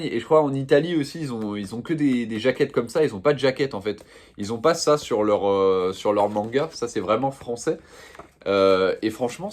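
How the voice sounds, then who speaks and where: Casual young man chatting enthusiastically. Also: mid-range voice. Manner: enthusiastic, slangy, rambling with fillers. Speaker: manga vlogger. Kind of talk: casual unboxing chat.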